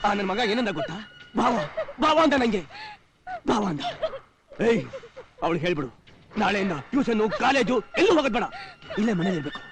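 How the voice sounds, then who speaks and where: A hot-headed, ranting brother. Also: male voice, high voice, very animated, a little fast, long pauses. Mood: furious. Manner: ranting, shouting threats. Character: hot-headed violent brother, young man.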